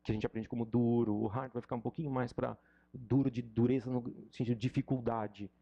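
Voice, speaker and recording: Gravelly Brazilian teacher, joking. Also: male voice, mid-range voice, a little fast, muffled recording. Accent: Brazilian Portuguese. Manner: animated and joking, mocks students. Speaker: English teacher. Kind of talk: informal lesson chat.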